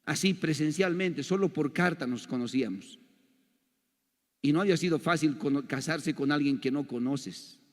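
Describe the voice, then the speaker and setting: An older man teaching a church seminar as a pastor, telling animated stories and asking his audience rhetorical questions. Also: fairly high pitch, moderate pace, big-room sound. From Bolivia. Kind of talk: seminar lecture to a congregation.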